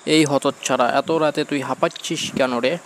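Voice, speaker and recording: A man's voice: medium pitch, fairly even intonation, moderate pace, a little hiss or hum, pitched above the performer's own voice, lightly acted. A man voicing a dismissive old grandmother in a cartoon story, scolding sharply.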